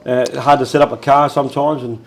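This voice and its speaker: A man co-hosting a casual chat at home, relaxed and rambling with lots of fillers. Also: medium pitch, fast, rough recording. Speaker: co-host.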